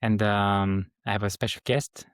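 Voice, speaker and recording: A man hosting a podcast, asking questions hesitantly with many pauses. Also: on the low side, fairly even intonation, clean tone, dry recording, clean studio sound. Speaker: podcast host. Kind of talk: interview questions.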